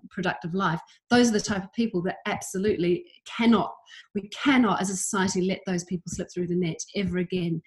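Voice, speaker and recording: A woman from New Zealand, a campaigner against homelessness, answering interview questions in an earnest, emphatic way. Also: lowish voice.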